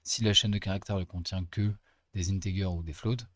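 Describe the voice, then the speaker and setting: A man, working as a teaching assistant, walking through code in a casual screen-recorded lesson, chatty and full of pauses as he explains. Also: low voice, steady tone, fairly bright tone, no echo, clean studio sound.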